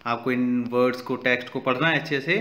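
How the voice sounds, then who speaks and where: Here an Indian-accented man teaches at a medium pitch, his intonation fairly even and his tone sharp. He guides students slowly through a textbook exercise, repeating each word aloud and alternating English with Hindi.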